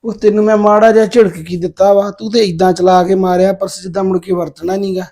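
A man's voice: high voice, little pitch movement, quick pace, a little mellow. An actor playing a young husband caught between his wife and mother, placating and pleading. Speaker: husband and son. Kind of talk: Punjabi family drama acting.

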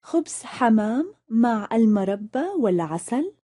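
A woman, carefully repeating lesson phrases one by one in a clear, scripted way. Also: a little high, big pitch swings, a little slow, dark tone. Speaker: language lesson speaker.

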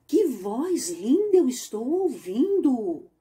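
Woman doing a squeaky little duckling boy. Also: very animated, slow pace, mellow, full character voice. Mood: longing. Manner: high, pleading, childlike.

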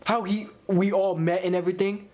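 A man giving casual live reaction commentary on an anime episode, excitable and rambling, with lots of "like" and "you know". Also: high voice, fairly quick, highs cut off. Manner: excitable, rambling with many fillers. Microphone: wearing earphones while recording.

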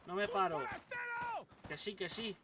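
A young man with a Spain Spanish accent, giving excitable let's-play commentary, yelping and swearing at every scare. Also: high-pitched, unhurried. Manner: yelps, swears and exclaims constantly, jumpy. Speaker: gaming channel host. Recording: distant mic with clear background noise.

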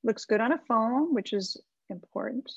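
This webinar presenter, a middle-aged American website marketing consultant, talks at a moderate pace in an animated, slightly high voice that is gravelly and a bit rough. Speaking into a computer mic on a video call from a small bookshelf-lined room, she thinks aloud while offering informal, encouraging critique and advice on a website. The recording is dry, with slightly dull video-call audio.

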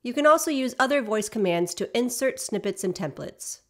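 A woman reading scripted instructional narration for an app demo in a measured, clearly instructional way. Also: on the high side, lively intonation. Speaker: software tutorial narrator.

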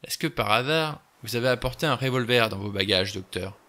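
A man voicing a gruff, blunt and suspicious ex-police inspector who mutters. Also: mid-range voice, fairly quick, pushed and bright, close to an everyday voice.

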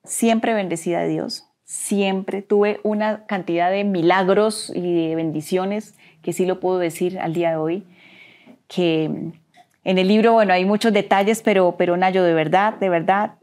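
An earnest Colombian woman with a Colombian Spanish accent tells an emotional personal story as an interview guest. Her lowish voice is hushed and halting, she repeats words, and at heavy moments she drops almost to a whisper.

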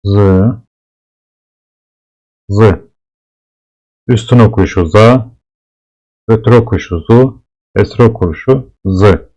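Male language teacher, low-ish voice, unhurried, repetitive drilling delivery. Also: mellow, rough recording. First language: Turkish. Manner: patient, repeats each sound several times. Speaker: Arabic teacher. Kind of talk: slow classroom explanation of letters.

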